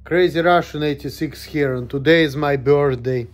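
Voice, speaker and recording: A man in his late thirties talks straight to camera in a loose vlog monologue. His voice sits a bit high, and he vents in a gloomy, profane way. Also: normal speed. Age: 30s. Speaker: vlogger. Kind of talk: casual monologue.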